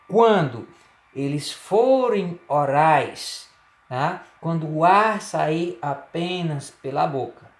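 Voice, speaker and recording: A man with a Brazilian Portuguese accent teaching a grammar lesson, explaining step by step and asking rhetorical questions. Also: on the high side. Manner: slow, deliberate explaining, frequent rhetorical questions and "tá?". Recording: echoey room.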